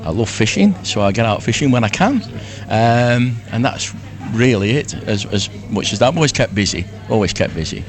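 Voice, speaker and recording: Over music, a Lancashire man in his sixties speaks in an animated, medium-pitched voice at normal speed. He's an amateur pantomime performer guesting on a casual live radio interview, gushing and frequently repeating himself.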